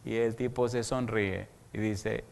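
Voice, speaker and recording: A man's voice: on the low side, fairly even intonation, a little slow, vocal fry, a little mellow, clear, resonant tone. A man preaching as a pastor, telling a story dramatically and speaking bluntly. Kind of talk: evangelistic sermon. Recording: long hall reverb.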